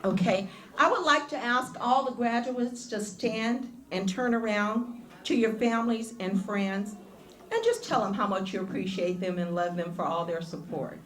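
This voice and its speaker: A woman's voice: mid-range voice, moderate pace, a bit bright. A woman giving an exuberant commencement speech as a fellow graduate and staff member, laughing and repeating lines for emphasis. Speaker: graduate and university staff speaker. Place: large ceremony hall. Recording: echoey hall on a PA mic.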